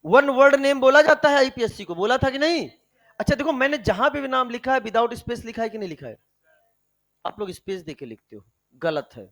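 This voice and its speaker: A male chemistry teacher giving an energetic lecture, firing questions at his students and calling them "beta" as he coaxes and scolds. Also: very high voice, fairly quick. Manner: animated, fires rhetorical questions at students.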